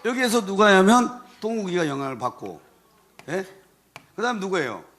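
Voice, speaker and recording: Male lawyer addressing a rally; high-pitched, very animated delivery, chuckling asides, rambling. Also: a little fast. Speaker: lawyer speaking at a church rally. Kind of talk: animated storytelling speech to a crowd.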